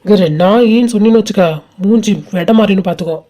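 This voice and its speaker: A woman's voice: medium pitch, fast talker, dark tone, natural voice. A woman voicing a cocky, mocking young college man in an amateur cartoon, with a sneering, teasing delivery. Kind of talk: amateur animated cartoon dub.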